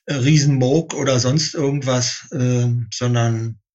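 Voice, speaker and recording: Male composer guest, middle pitch, hesitant and thoughtful, muffled recording. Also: steady tone, measured pace, a little mellow. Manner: thoughtful, many fillers and restarts. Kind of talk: casual interview talk.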